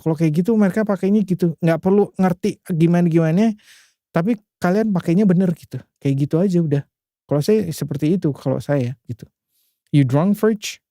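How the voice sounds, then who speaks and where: A man's voice: a little high, dark tone, dry recording, studio quality. A man from Indonesia teaching English in a casual, chatty screen-share lesson, with loose phrasing and frequent restarts. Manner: chatty, loose, many filler tags and restarts. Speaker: English tutor.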